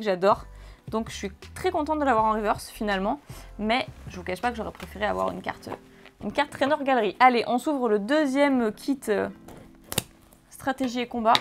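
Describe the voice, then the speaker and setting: Bubbly high-voiced woman unboxing cards. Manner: gushing, exclamatory, lists card names quickly. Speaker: card-opening video host. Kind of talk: excited casual card unboxing.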